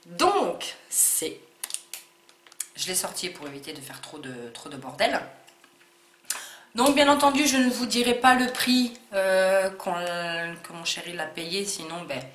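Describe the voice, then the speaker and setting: A woman's voice: fairly low pitch, a little slow, fairly bright tone. A woman chatting through a casual unboxing vlog, hesitant, with many fillers and restarts. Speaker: beauty vlogger. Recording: echoey room with faint noise.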